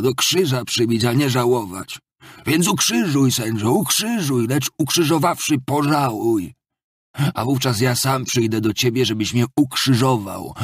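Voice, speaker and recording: A man's voice: medium pitch, husky, no echo, clean studio sound, voice pushed up. A man voicing a drunken, ruined middle-aged clerk who pleads and bursts into anguished self-pity. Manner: pleading, theatrical, rising to anguished outbursts.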